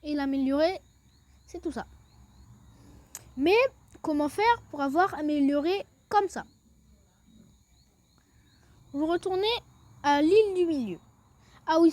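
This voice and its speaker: A woman's voice: sits high, a little slow, pauses often, dark tone, dry recording. A woman casually talking through a video game, explaining each step with small hesitations. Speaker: gaming video creator. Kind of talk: casual gameplay walkthrough.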